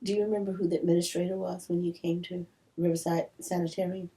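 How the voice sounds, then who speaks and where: A woman's voice: lowish voice, little pitch movement, fast talker, mellow, low-quality recording. A woman interviewer asking brief questions in an oral history interview.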